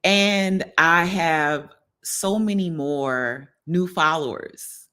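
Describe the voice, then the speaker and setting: A smooth, low voice with a sharp tone draws out its words as a middle-aged wellness host from New Orleans talks to her livestream viewers. Casual and direct, she frequently checks in to make sure they agree.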